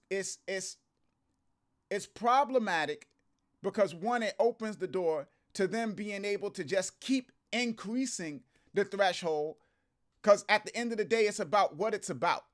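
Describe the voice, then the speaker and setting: High-pitched man, under the weather, talking casually. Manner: informal, conversational, addresses viewers as y'all. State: under the weather, feeling sick. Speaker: host of music business channel. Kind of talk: casual livestream news commentary.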